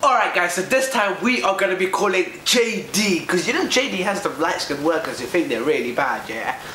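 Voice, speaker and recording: A man's voice: high-pitched, sing-song, a little fast, sharp tone. A young man with a London accent talking in cheeky, casual slang as he hosts a prank-call video. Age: young adult. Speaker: prank caller and video host. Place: living room, indoors. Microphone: camera a short distance away. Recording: roomy living room with background noise.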